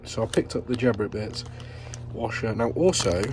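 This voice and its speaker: A British man who sounds unwell with a runny nose, talking casually and haltingly to himself as he narrates his plumbing work. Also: lowish voice, expressive. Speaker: plumber filming his jobs. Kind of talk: casual work vlog, talking through tasks. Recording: noisy, clicks and vehicle sounds.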